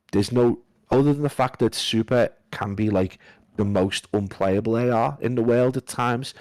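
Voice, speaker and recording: A man guesting on a casual podcast, talking in a flat monotone while feeling unwell. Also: on the low side, no echo. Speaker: guest esports caster.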